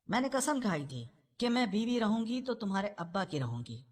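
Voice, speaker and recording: A woman voicing a widowed middle-aged mother in a novel, who speaks in a sharp, defensive way. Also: mid-range voice, big pitch swings, breathy edge.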